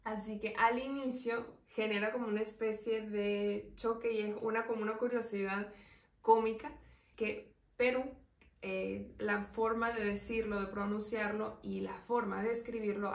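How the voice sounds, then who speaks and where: A woman's voice: mid-range voice, little pitch movement, gravelly, distant mic. Patient woman teacher in an echoey room. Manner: patient, explanatory, slows down to spell out example words. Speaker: language teacher. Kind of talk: online language lesson. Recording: roomy echo, voice away from the mic.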